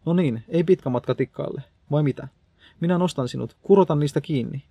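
A blunt, defiant house cleaner voiced by a male narrator in a storybook reading, with a gravelly, dark tone. The lines come scolding and stubborn, recorded dry and close. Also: a little high, no room sound. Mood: urgent coaxing. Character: stern, gruff house cleaner with a mop, defiant.

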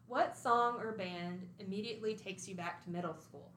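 A woman hosting a school podcast, reading out her introduction and interview questions clearly. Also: medium pitch, moderate pace, fairly bright tone, a little hiss or hum. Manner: clear, read-aloud questions. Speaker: podcast host. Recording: echoey room.

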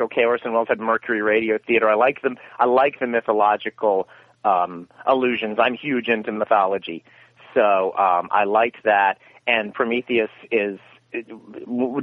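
The speaker is a male interview guest who founded a radio theater, with a medium-pitched voice and no echo. He tells meandering stories and keeps correcting himself, all through a tinny, dry phone connection.

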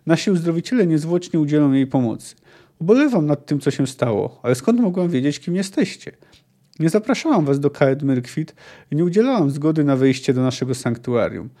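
Older female druid leader, calm and dry, read plainly by a man. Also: a little high. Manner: calm, dry, matter-of-fact.

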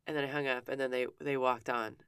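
A woman's voice: a bass voice, fairly even intonation, fast talker, a bit bright, clean tone, no echo, studio quality. A woman telling a personal story in a frank, conversational way, often stopping and restarting her sentences. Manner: candid, frank with casual swearing; self-interrupting with frequent restarts.

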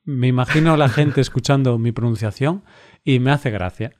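Slow-spoken man co-hosting. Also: mid-range voice, a little mellow. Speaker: podcast co-host. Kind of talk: casual podcast chat.

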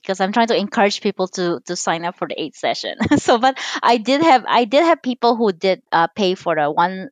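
A woman from the Philippines, a financial coach talking in a casual interview, animated, with many filler words and restarts. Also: fairly low pitch, no room sound.

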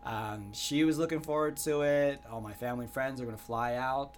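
A young American man answering interview questions in an earnest, reflective way, often pausing with "you know". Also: mid-range voice, slight background noise. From United States. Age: young adult. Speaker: guest entrepreneur.

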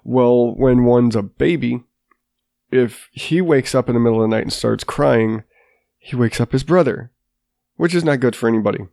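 A sinus-stricken podcaster in his thirties rambles through a solo monologue, self-deprecating and restarting often. He speaks at normal speed in a medium-pitched, creaky, darkish voice, recorded dry in clean studio sound.

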